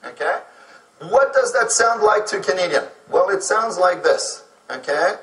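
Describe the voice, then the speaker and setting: A man's voice: high voice, animated, measured pace, fairly bright tone, recorded from a distance. A man from France, a native French speaker, giving a lecture and often checking in with "okay?". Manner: explanatory, keeps asking "okay?". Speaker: speaker on immigrant employment. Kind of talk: lecture to an audience. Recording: echoey room, voice from off mic.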